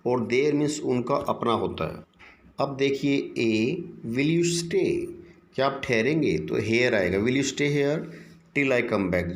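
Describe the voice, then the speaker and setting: Guy teaching class, slow and careful, talks it through step by step. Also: mid-range voice. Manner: reads English lines slowly, then explains them in Hindi. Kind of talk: classroom exercise explanation.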